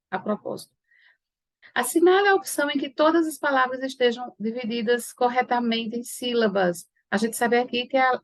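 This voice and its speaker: A woman with a Brazilian Portuguese accent explains exam questions as a teacher, her voice sitting slightly high. She recorded close to the mic in a dry room with no echo. She keeps tagging her points with quick checks to the listener. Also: gravelly. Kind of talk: exam correction lesson.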